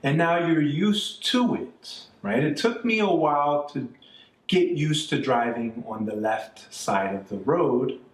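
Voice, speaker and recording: A man's voice: fairly high pitch, lively intonation, takes it slowly. A man from Canada, middle-aged, teaching an English grammar lesson, patiently repeating points and checking in with "okay?" and "right?". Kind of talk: classroom-style grammar lesson. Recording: echoey room, mic at a distance, faint music.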